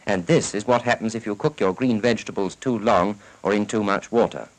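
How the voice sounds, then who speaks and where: Brisk and lowish in pitch, a British man's voice gives formal, instructive narration for a public information film. The script follows the style of a 1940s educational film, and the vintage soundtrack is roughly recorded.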